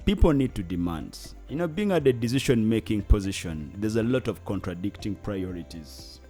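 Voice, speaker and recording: This man from northern Uganda, a climate activist with a Ugandan English accent, speaks earnestly as an interview guest and often searches for words. His voice sits on the low side, warm and lively in intonation, at a moderate pace, with faint music playing behind him.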